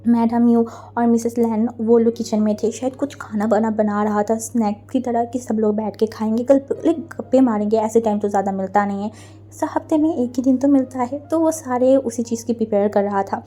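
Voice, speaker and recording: A woman's voice: on the high side, fairly even intonation, brisk, warm tone, soft background music. Young woman chatting and narrating a story. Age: young adult. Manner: chatty, apologetic, code-mixing storyteller. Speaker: storytelling channel host. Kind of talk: casual fan-fiction reading.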